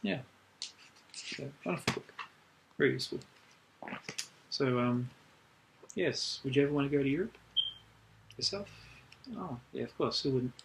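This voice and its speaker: A man doing an ASMR role-play as a librarian, chatting gently and recommending things in an unhurried way. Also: mid-range voice, vocal fry, background noise. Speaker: ASMR performer playing a librarian.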